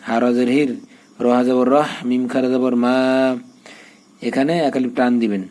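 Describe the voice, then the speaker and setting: Guy teaching quran letter by letter, steady mid voice, drills the vowel marks then chants the verse slow. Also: medium pitch. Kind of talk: spelling lesson in Quran recitation.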